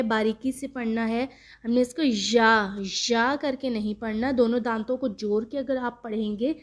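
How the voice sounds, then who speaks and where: A woman with a Pakistani Urdu accent giving an online Quran reading lesson, patiently drilling each syllable slowly and repeating it. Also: on the high side. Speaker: Quran recitation teacher.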